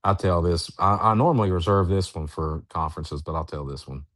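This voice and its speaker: A very deep-voiced man recounts an eerie encounter in a slow, halting way, often restarting his sentences. The sound is close and dry, with no room around it. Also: fairly bright tone, no room sound. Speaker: guest, Bigfoot researcher. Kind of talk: storytelling in an interview.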